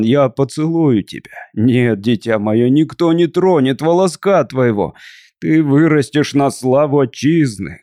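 A man's voice: on the high side, a little mellow, dry recording, studio quality. A man voicing a proud young Cossack warrior, boastful and commanding.

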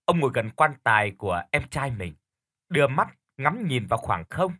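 A man narrating a horror audiobook in a calm, measured storytelling voice. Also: medium pitch, no echo, studio quality.

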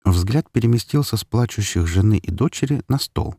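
A male narrator reading a dark story aloud in a low, gravelly voice, steady and even. The close mic gives a very dry sound with no room to it. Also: normal speed, no room sound. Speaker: audiobook narrator. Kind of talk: scripted narration.

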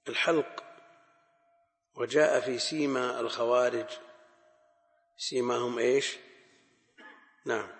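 A man teaching a classical Arabic lesson on hadith, explaining in a measured way and repeating key phrases for emphasis. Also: medium pitch, vocal fry. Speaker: Islamic scholar teaching hadith. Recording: echoey hall with long reverb.

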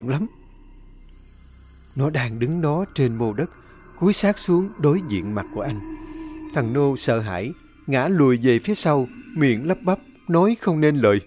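A man narrating an audio story in a steady, measured reading. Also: medium pitch, soft background music.

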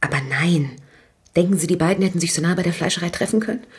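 An actress plays a nervous, talkative woman who owns a shop in a radio crime drama. Her fairly low voice moves at a quick pace with a breathy edge, and she sounds hesitant and confiding, gossiping and restarting her sentences.

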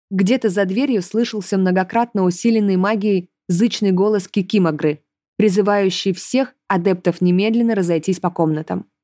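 A woman narrating a fantasy novel in the first person, in measured, even storytelling. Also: fairly low pitch, dry recording, studio quality. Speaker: audiobook narrator.

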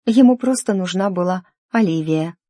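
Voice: lively intonation, normal speed, warm tone, dry recording, natural voice. An upset young noblewoman in an audiobook, as a reader puts her on. Her voice rises and pleads, sitting well above the narration. The recording is close and dry, with no room sound. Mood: sad. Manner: pleading, emotional, higher-pitched. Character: young noblewoman, agitated and hurt. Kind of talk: audiobook character dialogue.

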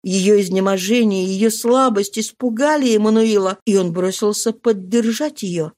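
A woman narrating a classic novel in an earnest, measured storytelling manner. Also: medium pitch, darkish tone. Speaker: audiobook reader.

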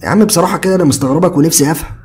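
A man's voice: on the high side, very fast, darkish tone, slight background noise, voice pushed up, close to an everyday voice. A man voicing a carefree young male friend who jokes and brushes off worry, in an Egyptian Arabic accent. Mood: teasing. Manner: easygoing, joking, brushes off worry.

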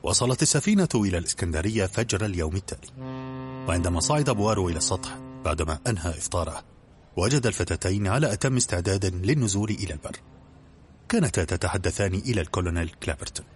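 A man narrating an audiobook in a brisk, even storytelling manner. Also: deep voice, faint music behind.

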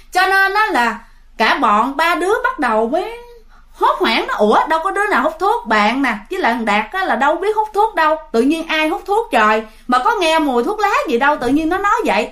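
A woman's voice: high-pitched, a bit bright. A woman narrating a ghost story chattily, speaking straight to her listeners. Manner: chatty, addresses listeners directly.

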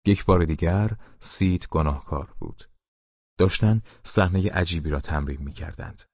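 A man with a very deep voice narrates an audiobook in a steady, measured way. The recording is dry and close with no room sound. It is a little dull and muffled. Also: dry recording.

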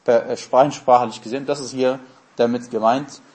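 A man's voice: medium pitch, steady tone, moderate pace, a little mellow. A man giving a religious lesson, explaining terms step by step and answering his own questions. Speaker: Islamic teacher.

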